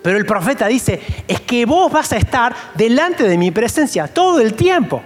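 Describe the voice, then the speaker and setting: A man's voice: extremely high pitch, very animated, normal speed. A man with an Argentine accent preaching a sermon in a church, emphatic and pleading, firing rhetorical questions at the congregation. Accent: Argentine Spanish. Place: church sanctuary. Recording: long church reverb, faint music.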